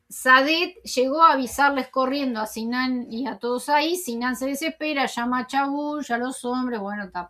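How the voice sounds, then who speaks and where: A woman's voice: high voice, a bit bright. A woman recapping a TV episode in a chatty way, full of fillers and asides. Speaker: YouTuber recapping Turkish TV episodes. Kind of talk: casual spoken episode recap.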